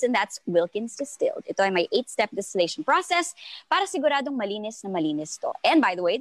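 A Filipino woman with a lively, swinging delivery, talking like a show co-host. She slips easily between English and Tagalog, recorded dry and close. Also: mid-range voice, dry recording. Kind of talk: casual panel talk moving into conversational ad read.

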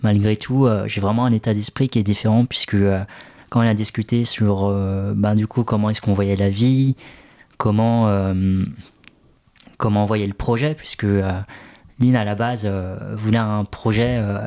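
A man's voice: lowish voice, steady tone, normal speed, mellow. A man who grew up in France, talking in an interview, hesitant with many fillers. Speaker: interview guest, café co-founder. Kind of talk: casual interview talk.

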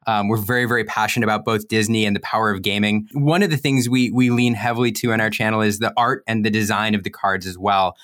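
A man's voice: on the low side, steady tone, quick pace, hardly any pauses, fairly bright tone. A man speaking as a podcast guest in casual interview talk, earnest and enthusiastic about his work. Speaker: podcast guest, content creator.

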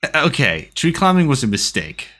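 Young male podcast co-host, mid-pitched, lively swings in his voice, halting and rambling as he talks. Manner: rambling, hesitant restarts. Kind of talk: casual chat.

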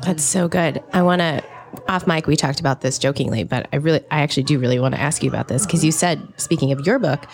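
Deep-pitched woman, podcast co-host, curious questions, playful tone. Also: quick pace. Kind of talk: casual interview conversation.

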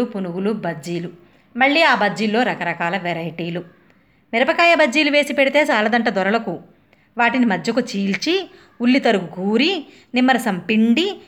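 A middle-aged woman reading a humorous story aloud with dramatic, expressive delivery. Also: mid-range voice. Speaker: narrator.

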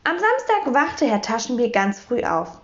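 A woman reads a children's story aloud, her high voice lively and swinging through wide pitch. The recording sounds muffled and lo-fi. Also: unhurried. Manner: expressive, animated. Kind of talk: reading a children's book aloud.

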